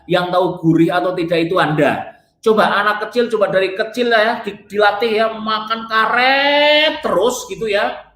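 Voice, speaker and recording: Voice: mid-range voice, a bit bright. A diet coach gives a blunt, emphatic motivational talk, firing off rhetorical questions and answering them. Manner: keeps addressing listeners as friends, blunt and scolding. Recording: roomy echo.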